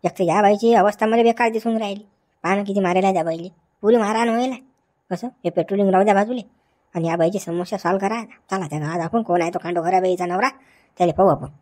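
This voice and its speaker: A woman acting in a village comedy skit, questioning and calming in a chattering way. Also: mid-range voice, fast, close to an everyday voice. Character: village woman, then police constable.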